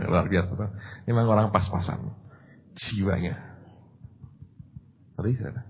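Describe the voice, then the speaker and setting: A man's voice: fairly low pitch, slightly rough. A man preaching a sermon, telling stories animatedly and acting out the dialogue. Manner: animated storytelling, acting out dialogue, laughing at own jokes. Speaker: pastor. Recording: tinny phone-like sound with long hall reverb.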